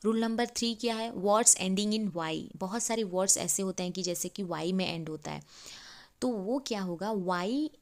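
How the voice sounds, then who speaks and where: A woman's voice: mid-range voice, normal speed, darkish tone. A woman teaching grammar in Hindi, explaining step by step with rhetorical questions.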